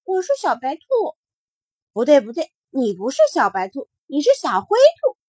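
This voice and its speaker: A woman voicing a small, excitable child in a storybook reading. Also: brisk, no echo, studio quality. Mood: puzzled. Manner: eager, high childlike voice.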